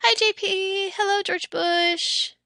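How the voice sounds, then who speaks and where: Speaking slowly, a young woman on a live stream talks casually with her chat, reading messages aloud in a high, bright voice that drifts now and then into soft half-whispers. Her intonation is fairly even, though her voice is a little ragged from days of losing it. The audio is close and dry, without any echo.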